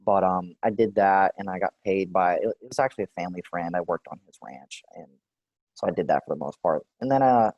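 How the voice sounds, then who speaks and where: A man in his forties from Texas, answering questions in a clinical interview in a relaxed, hesitant way with many fillers. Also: low voice, fairly quick, no echo, lo-fi sound. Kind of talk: role-play clinical interview.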